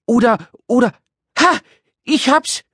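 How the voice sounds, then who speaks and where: A man voicing a tiny, excitable and impatient pink male creature in a children's audiobook, chattering nonstop in a whiny, fussy way. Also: very high voice, slow, dry recording, clean studio sound, voice pushed up, full character voice.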